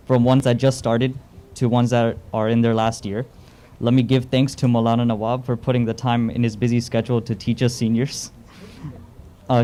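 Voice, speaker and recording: Mellow young man giving a formal speech. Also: mid-range voice. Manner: formal, stumbles and corrects himself. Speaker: senior student giving a thank-you speech. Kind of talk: prepared speech.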